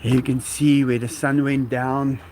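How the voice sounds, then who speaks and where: Outdoors at sunset, a native Afrikaans speaker with a South African accent muses on a live stream, reading viewer questions aloud, chuckling and replying in an unhurried, casual way. His voice is medium-pitched, level and a little mellow, with a little hiss or hum.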